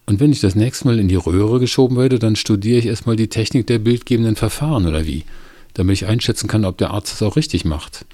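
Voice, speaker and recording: A man's voice: lowish voice, fast talker, mellow, dry recording, voice pushed up, natural voice. A man doing a patient, reasoning neighbor. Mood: ironic. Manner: patient, explaining, mildly ironic. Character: calm, reasoning middle-aged male neighbor.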